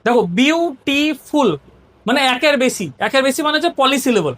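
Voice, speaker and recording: Brisk Bengali-accented woman teacher. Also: high voice, expressive, a bit bright. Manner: explains step by step, often asks "ঠিক আছে?". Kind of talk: grammar lesson explanation.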